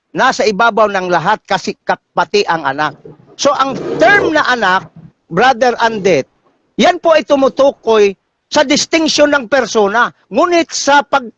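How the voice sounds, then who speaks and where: A man's voice: extremely high pitch, fairly bright tone, dry recording, highs cut off. A man with a Filipino accent arguing theology in a heated debate, pressing his points and cutting in to answer. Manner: insistent, cuts in to answer.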